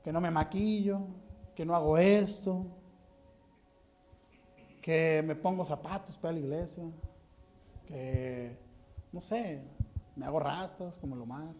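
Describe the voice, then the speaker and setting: A man with a Mexican accent preaching a sermon in a church, animated and full of rhetorical questions and joking asides. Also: high-pitched. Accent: Mexican Spanish.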